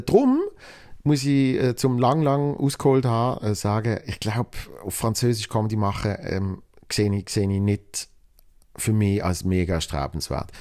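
Going through listener mail on his solo podcast, this young Swiss host speaks with a Basel Swiss German accent and a loose style full of fillers and false starts. His voice is mellow and fairly low in pitch.

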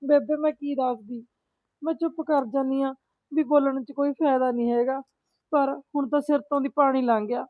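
A woman's voice: high voice, fairly even intonation, moderate pace, no room sound, lightly acted. A young woman playing a distressed married daughter who pleads tearfully about her in-laws in a rural family drama. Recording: thin phone-like sound.

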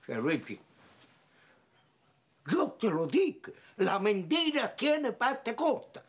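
A man's voice: sits high, huge pitch swings, slow pace, slightly rough, exaggerated voice. An actor playing a sheepish older Argentine grandfather who stammers and hesitates. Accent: Argentine Spanish. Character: sheepish blabbing old grandfather. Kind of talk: sitcom acting.

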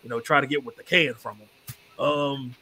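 Male game master, easygoing narrator, bright tone, slight background noise. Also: mid-range voice, steady tone, moderate pace, poor audio. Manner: laid-back, loose storytelling. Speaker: dungeon master.

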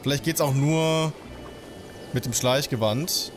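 A man's voice: mid-range voice, takes it slowly. A man in his thirties giving casual, slangy gameplay commentary into a close desk microphone. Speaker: let's play host. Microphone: desk microphone close to the mouth. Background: game music.

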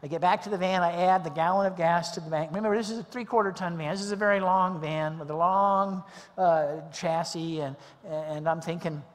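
A middle-aged male pastor preaching a sermon, telling a story in a lively way and acting out the dialogue. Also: high-pitched. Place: church sanctuary. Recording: long church hall reverb.

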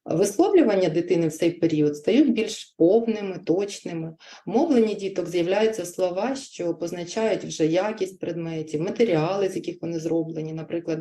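A woman speech therapist talks parents and teachers through a livestreamed webinar. Her voice sits a little low and sounds mellow and dark. She explains step by step in a measured way, often pausing on a hesitant "e" before going on. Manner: measured, explanatory, frequent "e" fillers.

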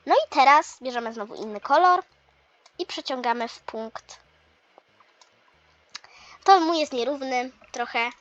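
A woman's voice: high-pitched, a little slow, pauses often, fairly bright tone, muffled recording. A woman voicing a patient young male math teacher in a toy role-play lesson, explaining step by step with mild teasing.

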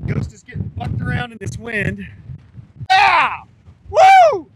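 A man's voice: very high voice, slow. Freezing man on a windy phone video. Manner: excitable, exclaiming and laughing often. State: shivering from the cold. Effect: handheld phone video recorded outdoors. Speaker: vlog host and pilot. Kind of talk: excited outdoor vlog narration. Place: outdoors on an open beach in high wind. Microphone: phone camera mic held in hand. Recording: windy outdoor phone recording. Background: strong wind noise.

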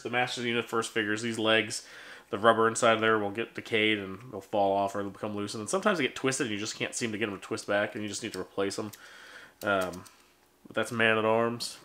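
Fairly low and a bit bright, this man's voice moves quickly with fairly even intonation as he chats over old toys in a casual unboxing vlog. He rambles and puts himself down, with plenty of ums. The camera goes from handheld to a tripod, and there's faint background noise.

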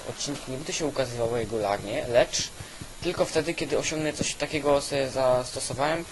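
A man giving casual, halting gameplay commentary, thinking aloud as host on an old weak microphone. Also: medium pitch. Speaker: gaming video host. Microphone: old cheap weak microphone. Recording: constant hiss from weak microphone.

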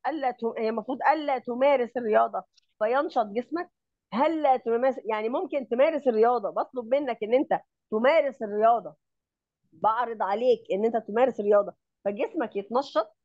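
An Egyptian-accented woman tutors grammar over a video call, her voice pitched a little high and sounding dry and close. She explains each point step by step and keeps asking whether her student follows. The call audio is somewhat muffled and lo-fi. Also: a little mellow, no echo. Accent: Egyptian Arabic. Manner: explains step by step, checks understanding often. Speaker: Arabic grammar teacher. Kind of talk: online tutoring lesson.

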